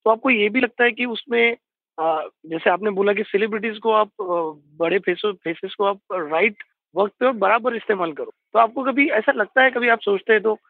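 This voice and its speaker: A man's voice: sits high, moderate pace, no room sound. A man interviewing a guest with deferential questions, calling him sir and humming along as he listens. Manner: deferential, says "sir" often, many hums. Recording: dry tinny phone-like sound.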